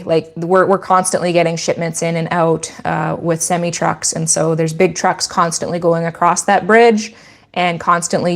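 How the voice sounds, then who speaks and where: Her voice sits lowish with vocal fry, and she has a Canadian accent. As the host of a channel about her goat farm, she rambles through a casual livestream chat and Q&A, restarting often and taking a teacherly tone.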